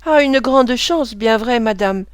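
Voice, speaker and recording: A shrill, scolding servant woman, as a reader puts her on, raised and crisp, close to the mic. She fawns on her mistress in the same sharp voice. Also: measured pace, no room sound, lightly acted. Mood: fussing. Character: loud servant woman, fawning and fierce.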